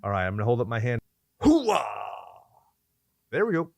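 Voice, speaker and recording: A man's voice: mid-range voice, lively intonation, rapid-fire, dry recording. A man hosting a podcast in casual chat, riffing in crude joking rants full of swearing. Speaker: podcast host.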